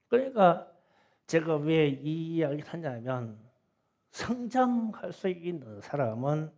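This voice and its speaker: A middle-aged male pastor telling a lively story in a Sunday sermon, acting out the voices of the kids in it. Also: on the high side, vocal fry. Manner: animated storytelling, acts out kids' voices and wailing. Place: church sanctuary.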